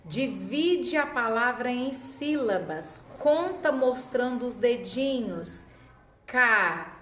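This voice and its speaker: A woman's voice: on the high side, lively intonation, slight background noise. A woman literacy teacher explaining classroom methods to other teachers, sometimes acting out how she chants words with children. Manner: demonstrates classroom chanting, slow and deliberate. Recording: echoey room with faint ambience.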